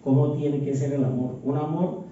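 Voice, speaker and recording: Mellow-voiced preacher in echoey church. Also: male voice, a little high, steady tone, a little hiss or hum. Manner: asks listeners rhetorical "¿sí?" checks; reads scripture slowly with stress. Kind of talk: sermon. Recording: echoey church hall, distant dull mic.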